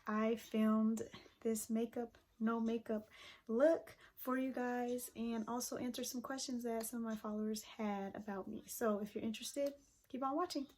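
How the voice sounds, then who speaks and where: A woman's voice: fairly high pitch, moderate pace, a little hiss or hum. A woman in her twenties, a hairstylist, chatting casually and laughing easily while she does her makeup on camera. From Pacific Northwest of the US. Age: 20s. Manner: relaxed and chatty, laughs often, lots of fillers. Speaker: hairstylist and vlogger.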